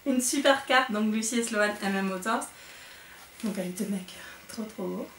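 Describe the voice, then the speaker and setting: A young woman chatting excitedly through an unboxing vlog, with lots of fillers. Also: medium pitch, normal speed, echoey room, recorded from a distance, slight background noise. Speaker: book vlogger.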